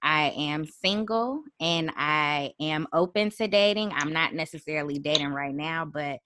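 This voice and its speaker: A woman in her thirties hosting a casual podcast chat, relaxed and chatty with frequent ums. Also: low voice, unhurried, slight background noise. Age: 30s. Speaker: podcast host.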